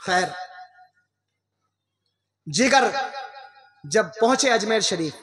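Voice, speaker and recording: Man, preacher, high voice, impassioned sermon, rhetorical questions, echoey hall. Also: expressive. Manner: impassioned, rhetorical questions to the crowd, frequent exclamations. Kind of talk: religious sermon.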